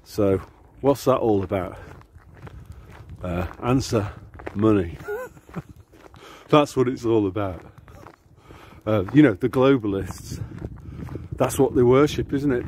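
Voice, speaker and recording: A man's voice: medium pitch, mellow, a little hiss or hum. A man talking casually to camera as he walks to the shops, rambling and sardonic. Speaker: vlogger. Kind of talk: casual talk to camera while out walking. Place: outdoors on the way to the shops.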